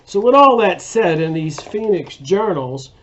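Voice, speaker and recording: A man's voice: sits high, very animated, measured pace, lo-fi sound. A man hosting a casual book review monologue, rambling and hesitant with many fillers and restarts. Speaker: video host reviewing books.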